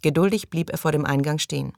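Woman reading a novel aloud, low voice, dry close sound. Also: quick pace, gravelly, no room sound. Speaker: audiobook reader. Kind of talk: scripted narration.

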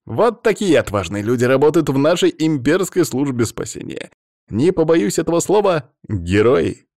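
A man's voice: on the high side, big pitch swings, normal speed, a little mellow, no echo, clean studio sound, pitched above the performer's own voice. A man voicing a slick, pushy young male TV reporter with an eager, insistent manner. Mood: grandiose.

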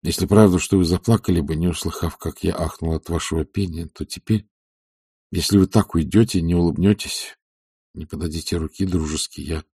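A timid, pleading gentleman from a classic novel, read by a man narrating the audiobook. He speaks softly and quietly in a very low, dark, husky voice. Dry recording close to the mic. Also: fairly even intonation, fairly quick, no echo.

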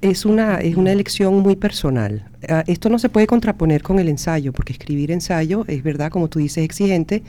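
A woman poet answering a radio interview in a thoughtful, reflective way, pausing to search for words. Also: on the low side, expressive, dark tone, a little hiss or hum.

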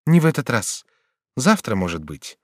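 A man's voice: medium pitch, big pitch swings, dry recording, studio quality, natural voice. A man voicing a resolute, grave young woman in an audiobook, speaking firmly and earnestly. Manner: firm, earnest, measured.

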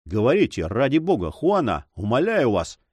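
Audiobook: an ardent, pleading young hero, read by a male narrator, animated delivery. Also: medium pitch, normal speed, dry recording. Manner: fervent and pleading. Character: passionate young man, ardent lover. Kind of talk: audiobook reading.

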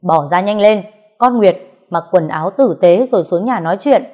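A woman voicing an angry older mother-in-law who scolds in a loud, shrill, lamenting voice. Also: lively intonation, normal speed, lightly acted. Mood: scolding.

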